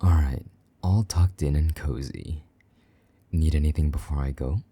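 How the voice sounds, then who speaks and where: In an intimate audio roleplay, a male voice actor plays a jealous vampire knight, murmuring slowly in a very deep, dark voice. His husky, slightly gravelly tone slips into soft whispers as he teases and comforts, low and gruff. The performance is heavily acted and tender.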